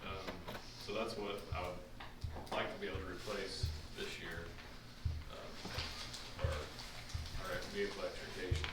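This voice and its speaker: A man presenting a fire department budget at a village meeting, plain and halting with frequent ums. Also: sits low, little pitch movement. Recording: echoey room, distant mic, noisy.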